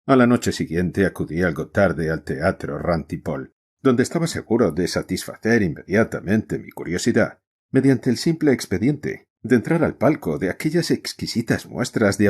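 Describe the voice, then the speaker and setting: A man narrating an audiobook in an expressive storytelling manner. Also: sits low, normal speed, husky.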